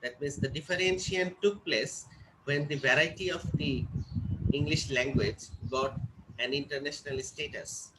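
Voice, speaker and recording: A man's voice: on the high side, steady tone, moderate pace. A man teaching an English class, explaining step by step and often checking whether students follow. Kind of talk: classroom lecture. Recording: noisy classroom recording.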